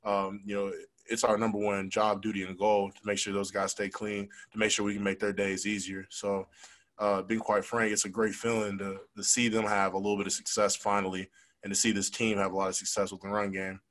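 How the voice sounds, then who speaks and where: Facing reporters after a game, a young college football player talks into a stand-mounted desk mic in a press room with a logo backdrop. His lowish, monotone voice has a fairly bright tone, and his answers are frank, quick and conversational, full of fillers, though the recording quality is low.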